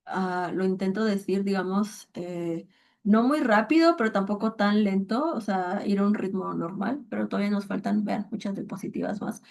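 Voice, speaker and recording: A woman's voice: medium pitch, fairly even intonation, normal speed, creaky, a little mellow. Woman teaching an informal online class, hesitant and chatty, keeps asking if listeners follow. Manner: hesitant, thinking aloud, keeps checking with listeners. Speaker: Quran and Arabic teacher. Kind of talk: casual online lesson.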